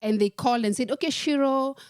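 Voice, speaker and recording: A woman's voice: sits high, a little fast, darkish tone, clean tone, dry recording. Dry-miked woman from Kenya, reflective. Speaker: guest. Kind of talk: personal storytelling in a podcast interview.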